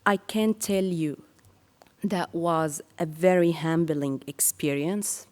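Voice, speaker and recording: A woman from Syria giving a prepared speech to an audience in measured, earnest phrases. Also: low voice, a little mellow, in a large hall. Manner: slow and measured, with earnest pauses. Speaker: speaker sharing her career story.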